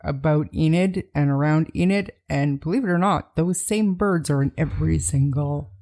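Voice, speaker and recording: Female podcast host, low warm voice, casual and hesitant. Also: moderate pace. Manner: hesitant, many ums and restarts.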